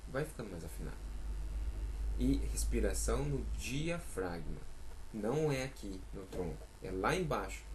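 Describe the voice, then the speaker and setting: A man's voice: medium pitch, darkish tone, a little hiss or hum, low-quality recording. A man with a Brazilian accent giving a casual singing lesson, chatty and encouraging, calling out sample notes as he teaches.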